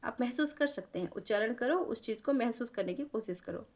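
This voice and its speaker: A woman's voice: a little high, expressive, fairly quick, darkish tone. A woman teaching a lesson on vowel pronunciation, patiently explaining and repeating vowel sounds for learners to copy. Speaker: Hindi grammar teacher.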